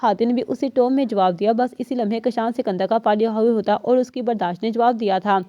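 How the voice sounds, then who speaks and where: A woman narrating a novel in a scripted, steady storytelling delivery. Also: fairly high pitch, no room sound. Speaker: audiobook narrator. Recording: dull, slightly lo-fi dry recording.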